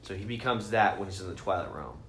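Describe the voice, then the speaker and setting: With a low voice that still has a fairly bright tone, a podcast co-host talks fast, rambling casually and enthusiastically as he explains geeky topics and swears freely. Faint noise and a roomy echo are audible.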